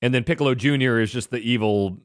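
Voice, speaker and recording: A man co-hosting a podcast, chatting casually about a cartoon, animated and swearing now and then. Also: mid-range voice, quick pace, dry recording, studio quality. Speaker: podcast co-host. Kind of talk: casual chat recapping a cartoon.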